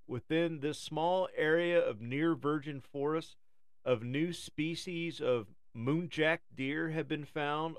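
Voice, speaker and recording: A man reading scripted narration in a measured, formal, nature documentary manner. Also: fairly high pitch, smooth, no room sound. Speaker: podcast co-host.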